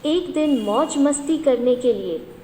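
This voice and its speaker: A high-voiced Indian woman teacher reads questions aloud at a slow, deliberate dictation pace, saying each one more than once. Her voice rings with a long, echoey reverb, as if recorded in a large hard-walled room. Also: expressive, dark tone. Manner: slow, repeats each question several times.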